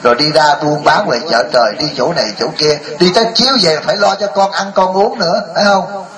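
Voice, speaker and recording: A man, a Buddhist monk, gives a humorous dharma talk to his listeners in a rather high voice. He turns to the audience with questions and keeps the tone light. The room is echoey. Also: fast talker, a bit bright. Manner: addresses the audience directly, mixes jokes with lecture.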